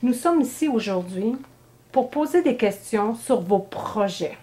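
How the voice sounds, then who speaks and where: A woman's voice: on the high side, expressive, a little slow, warm tone. A woman interviewer asking plain follow-up questions. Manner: plain, prompting follow-ups.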